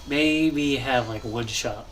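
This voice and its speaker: This male gaming channel host is young and clearly stuffed up, his nasal, congested voice sitting at a middle pitch. He rambles and thinks aloud while casually commenting on a building session in a game, coughing and clearing his throat frequently over a light background hiss.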